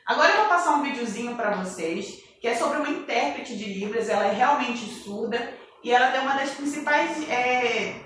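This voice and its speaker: A woman's voice: a little high, lively intonation, moderate pace, fairly bright tone. Teacher woman in an echoey room. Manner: explanatory, asks rhetorical questions and answers them; names signs one by one while demonstrating. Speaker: sign language teacher. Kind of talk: online class lesson. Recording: roomy echo from a distance, faint noise.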